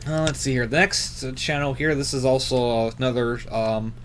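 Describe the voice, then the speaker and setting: Speaking off the cuff as the host of a hobby channel, this man wanders from point to point and hesitantly fixes his own words along the way. The pitch is medium, with a light hum or hiss underneath.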